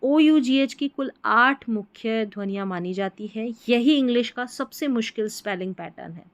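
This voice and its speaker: Woman, pronunciation lesson, fairly high voice, drills words, asks questions back, dry sound. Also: normal speed, dry recording. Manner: repeats words and asks students to answer back. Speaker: English pronunciation teacher.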